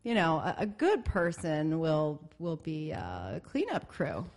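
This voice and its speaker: Lively giggly young woman chatting. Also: low-pitched, slow. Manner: chatty, giggly, filler-heavy. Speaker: podcast co-host. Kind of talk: casual chat.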